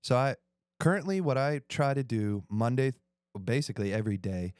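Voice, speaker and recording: A man's voice: mid-range voice, animated, moderate pace, a little mellow, clear, resonant tone, no room sound, clean studio sound. A man co-hosting a casual group podcast, enthusiastic and full of slang. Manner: enthusiastic, slangy, calls people dude. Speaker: podcast co-host.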